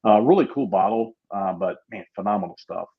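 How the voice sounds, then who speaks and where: Low-voiced man, muffled audio. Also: brisk. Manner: friendly, storytelling, hesitant fillers. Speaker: co-host. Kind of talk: casual chat. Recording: dull, muffled sound.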